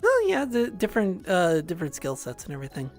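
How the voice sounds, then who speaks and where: A woman's voice: fairly low pitch, huge pitch swings, fast talker, darkish tone, soft background music. A woman streaming live, chatting casually and laughing often. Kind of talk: casual chat.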